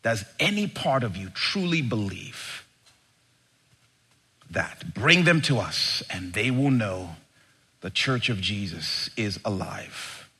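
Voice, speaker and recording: Husky man preaching like a rally speech. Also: lowish voice, sing-song, takes it slowly. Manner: emphatic, rhetorical questions, dramatic swings from hushed to shouting. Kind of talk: impassioned sermon, rally speech delivery.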